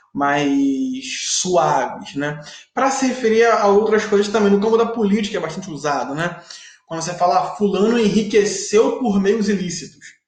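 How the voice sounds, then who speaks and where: A male teacher with a fairly high voice gives a chatty online class. He keeps checking in with rhetorical tags. The room around him is echoey.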